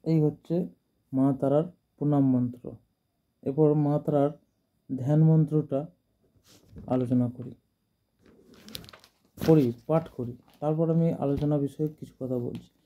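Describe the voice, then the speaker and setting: A man recites Sanskrit mantras slowly and then explains their pronunciation in plain talk. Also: on the high side, steady tone. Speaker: devotional teacher. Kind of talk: chanting mantras and explaining them. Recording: dull lo-fi sound.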